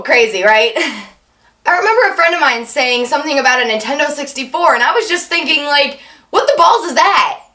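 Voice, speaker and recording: A young woman vlogger chatting casually to camera, her voice strained and tired, rambling with quick self-deprecating asides. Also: fairly high pitch, sharp tone. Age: young adult.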